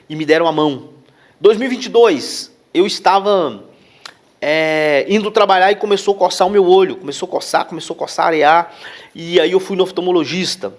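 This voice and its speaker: A man, a pastor, giving an emotional personal testimony in a sermon, moving between hushed and raised passages. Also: sits high. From Brazil.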